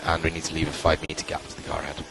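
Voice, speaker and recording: Low-voiced race spotter radio man, music behind. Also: very fast, creaky. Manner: clipped, calm, repeats key calls. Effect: team radio. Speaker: race engineer on team radio. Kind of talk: race spotter radio, terse tactical instructions to a driver.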